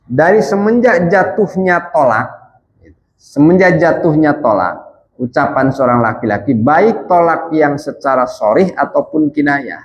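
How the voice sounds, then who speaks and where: A male ustadz giving a mosque sermon in a conversational way, calling the men Pak and reciting Arabic texts slowly. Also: animated, low-quality recording. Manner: wide swings in pitch and volume.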